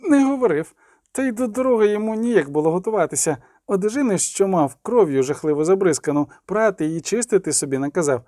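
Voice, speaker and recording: Man playing a high, fawning young peasant lad, rustic and rambling, audiobook figure. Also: expressive, fast, mellow, no echo, clean studio sound. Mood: eager. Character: servile eager young male peasant lad.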